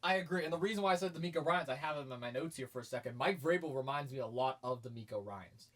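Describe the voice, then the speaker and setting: Quick-paced and mid-range in pitch, a man co-hosts a sports podcast with easygoing banter. When he argues a point he becomes emphatic and energetic, raising his voice and getting hyped.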